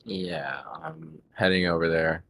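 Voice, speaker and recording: A man with a very deep voice talks as a player in a tabletop game. He chats casually and a little tentatively. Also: little pitch movement, slow, creaky, a bit bright.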